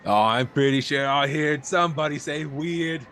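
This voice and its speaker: A man voicing a giant, boisterous dingo mascot in a tabletop game with a loud, booming, dopey cartoon bellow. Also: moderate pace, lightly acted.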